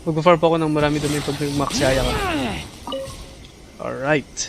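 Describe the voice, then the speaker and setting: A game streamer, a man with a Filipino accent whose native language is Tagalog, gives casual, chatty livestream commentary on a game, switching between Tagalog and English. His voice is fairly high and fairly even in intonation, and he talks fairly quickly. The background is noisy, with game music playing.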